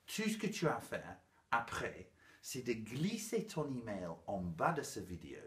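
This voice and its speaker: English-accented male teacher, playful and self-mocking, lively pitch, unhurried, echoey room. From England. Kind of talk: lively video lesson.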